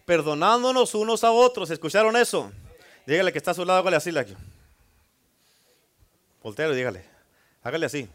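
A male pastor with a notably high-pitched voice. He preaches in a call-and-response style, repeating phrases and pausing for the congregation's amens. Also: expressive, a bit bright. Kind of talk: sermon.

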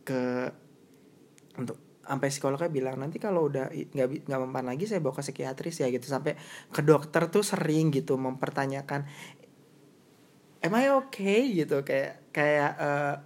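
A woman's voice: very deep voice, moderate pace, a little mellow. A young woman talking in a casual chat, reflective and thoughtful, often slipping English phrases into her speech. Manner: reflective, mixes English into Indonesian.

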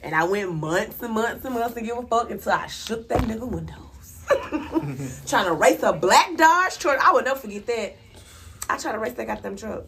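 Young woman, high voice, casual chat, laughs while telling stories, faint hiss. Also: normal speed. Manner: laughing, profane, animated storytelling. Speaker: podcast co-host.

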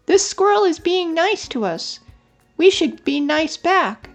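An older woman doing the smallest bird of a flock in a storybook, a very high squeaky little voice. He is earnest and kind, scolding his friends to be nice. Faint music runs behind. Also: very animated, takes it slowly, gravelly, exaggerated voice. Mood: chiding.

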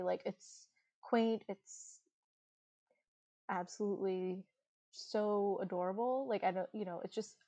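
A chatty woman co-hosting a travel podcast, talking casually and breaking into giggles. Her voice is mellow and warm, recorded dry and close. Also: medium pitch, dry recording. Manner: chatty, giggly, lots of fillers. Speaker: podcast co-host.

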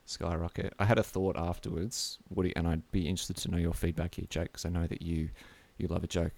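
Low-voiced bloke with a broad Australian accent. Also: male voice, level tone, fast, creaky, darkish tone. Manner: blokey, slangy, sweary. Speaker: podcast host. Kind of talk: casual podcast chat.

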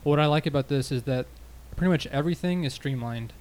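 A man's voice: on the high side, quick pace, a little mellow. A man hosting a casual gaming podcast, talking loosely and joking with lots of filler words. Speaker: podcast host. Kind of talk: casual chat.

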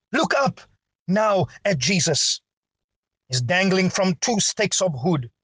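A man preaching a sermon with a dramatic, drawn-out delivery and big swings in pitch. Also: a bit bright, slightly rough, no echo.

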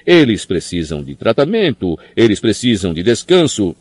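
A man's voice: on the low side, very animated, normal speed, darkish tone, no echo. A man reading an audiobook, voicing a stern, bossy female school nurse who scolds vehemently. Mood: scolding. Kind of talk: audiobook character voice.

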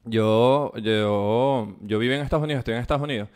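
A man's voice: medium pitch, brisk, smooth. A man with a Venezuelan accent, chatting casually as a podcast co-host, telling stories with acted-out voices and frequent laughter. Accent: Venezuelan Spanish. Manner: animated storyteller, acts out voices and laughs often. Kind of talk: casual chat.

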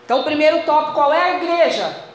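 A woman's voice: high voice, expressive, fast. Fervent Brazilian woman preaching in echoey church. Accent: Brazilian Portuguese. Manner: fervent, addresses congregation as brothers. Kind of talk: sermon. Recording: very echoey church hall, faint noise.

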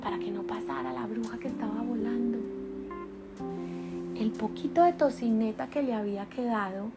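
A mother improvising a bedtime story for her child in bed, narrating gently and without hurry. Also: a little high, normal speed, loud music behind the voice. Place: bedroom, in bed.

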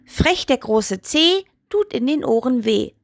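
A woman's voice: high voice, lively intonation, slow, dry recording, clean studio sound, voice pushed up, exaggerated voice. A woman voicing a cheeky, rude little talking toe in a bedtime story, smug and full of insults.

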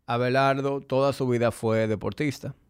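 Talking directly to the listener on his solo podcast, a man who works as a fitness trainer explains things conversationally. He has a clear, resonant, medium-pitched voice with fairly even intonation and a moderate pace, recorded dry with studio quality.

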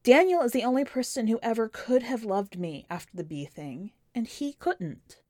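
A woman hosts a podcast and reads a first-person short story, sounding wry, conversational and emphatic. Her mellow voice is on the high side, with lively intonation and a moderate pace. The studio sound is clean, with no room sound.

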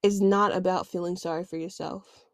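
A woman's voice: fairly low pitch, steady tone, normal speed, no echo, studio quality. A woman hosting a self-help podcast, talking candidly and casually with slang. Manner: candid, conversational, uses slang. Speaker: podcast host.

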